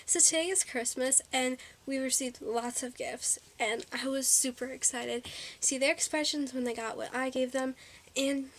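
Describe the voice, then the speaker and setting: A vlogger, a teenage girl, chats bubbly and a little breathless in a haul video, peppering her words with ums and likes. Her high, somewhat bright voice holds a fairly even intonation at a moderate pace, and slight background noise is present.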